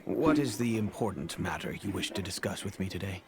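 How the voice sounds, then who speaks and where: Grave, courteous master of a household. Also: male voice, deep voice, lively intonation, noisy background. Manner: formal, measured, solemn. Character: grave, courteous middle-aged male merchant master, fatherly. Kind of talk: video game voice acting.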